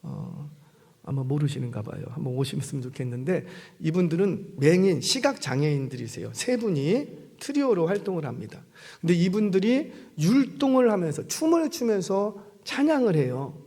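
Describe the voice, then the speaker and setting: A man with a high, lively voice preaches a sermon. He breaks into acted-out voices and asks the congregation questions. The sound rings with a long reverb from a large church hall. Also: moderate pace, creaky. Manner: animated storytelling, acting out voices and questioning the congregation. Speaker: pastor. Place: church sanctuary.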